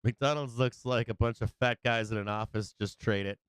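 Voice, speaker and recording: A man gives casual live market commentary in a very clear, resonant voice at a medium pitch. He is blunt and profane, talks in trader slang and jokes freely. The sound is close and dry. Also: steady tone, normal speed, a bit bright, dry recording. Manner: jokey, chuckles often at own remarks. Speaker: host of a live stock market show.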